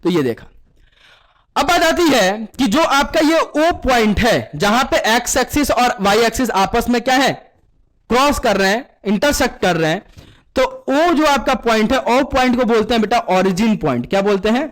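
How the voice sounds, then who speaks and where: A man's voice: very high-pitched, expressive, normal speed, fairly bright tone. A man teaching math in Hindi mixed with English terms, asking the same question over and over and answering it himself, calling students "beta". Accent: Indian Hindi with English terms. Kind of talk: classroom lesson with call-and-response.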